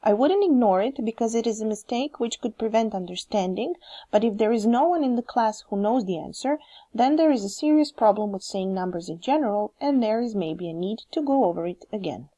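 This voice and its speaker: A woman with a Croatian accent, a teacher trainer giving measured, scripted narration that explains how to correct students. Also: a little high, animated, warm tone. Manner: measured, explanatory, reads examples aloud.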